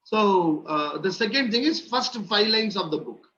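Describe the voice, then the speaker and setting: Male session leader, Indian accent, high voice, encouraging and repetitive, on a muffled call. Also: animated, moderate pace, sharp tone. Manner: encouraging, repeats phrases. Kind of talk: interactive online teaching. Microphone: video call. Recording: muffled online call audio, faint noise.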